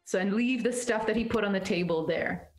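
A woman's voice: mid-range voice, a little fast, soft background music. A woman casually playing a tabletop game, talking through her character's moves. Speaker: player. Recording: roomy echo.

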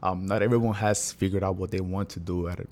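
A man's voice: deep voice, fast. A man in his twenties from Honduras, a podcast guest talking casually and loosely with lots of fillers. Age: 20s. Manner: relaxed slangy talk with many fillers. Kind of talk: casual interview chat.

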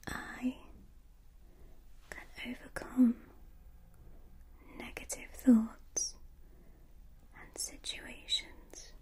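Slow soft-whispering woman. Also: on the high side, completely flat delivery, breathy edge. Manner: whispered, slow repeated affirmations. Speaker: ASMR creator. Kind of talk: ASMR.

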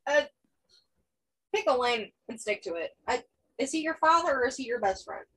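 A woman's voice: a little high, lively intonation, normal speed, a bit bright, husky, low-quality recording. A woman co-hosting a podcast in casual chat, making dry, wry remarks. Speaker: podcast co-host.

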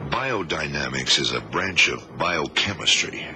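On a noisy old radio recording, a male actor with a bass voice plays a cool, authoritative government agent in a radio drama. He explains things in a measured, commanding manner while staying animated.

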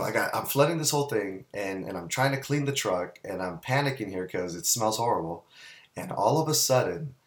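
A man telling a long, rambling anecdote in a casual chat, full of restarts and quoted dialogue. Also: on the low side. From Southern California. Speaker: guest business owner. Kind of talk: casual storytelling.

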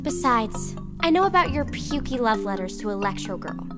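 A woman's voice: a little high, big pitch swings, normal speed. A woman playing a bold, sarcastic teenage girl who teases in a family audio drama. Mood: teasing. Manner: sassy, sarcastic. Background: music.

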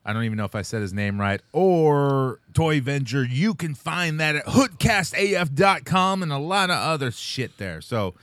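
Higher-voiced man hosting, rambling and teasing. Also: lively intonation, normal speed, few pauses, a bit bright, dry recording. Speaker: podcast host. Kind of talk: casual profane chat. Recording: faint music behind.

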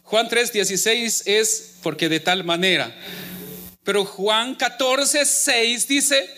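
A man preaching a sermon to his congregation, often halting and repeating words as he addresses them as brothers and sisters. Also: high voice, sharp tone. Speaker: pastor.

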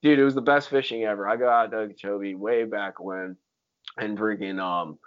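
A man's voice: lowish voice, fairly even intonation, a little fast. A man telling stories in casual chat, with slangy talk full of dude, like and freaking. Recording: dull lo-fi sound.

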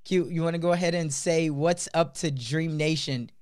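A man hosts a podcast, and his voice sits a little on the high side. He delivers his introduction in a measured, deliberate way. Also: steady tone, darkish tone. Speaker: podcast host. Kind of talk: scripted-sounding interview introduction.

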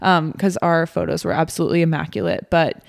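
A woman's voice: sits low, fairly even intonation, a little fast, vocal fry, no echo, clean studio sound. A young woman co-hosting a podcast, telling a story in a chatty, rambling way. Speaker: podcast co-host. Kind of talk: casual chat.

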